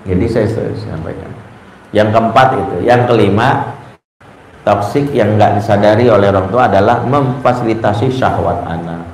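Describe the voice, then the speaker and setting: A man's voice: fairly low pitch, moderate pace. A male Islamic preacher gives a parenting talk, telling stories and acting out the dialogue in them. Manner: lively storytelling, acts out dialogue in quoted voices. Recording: echoey room with faint ambient noise.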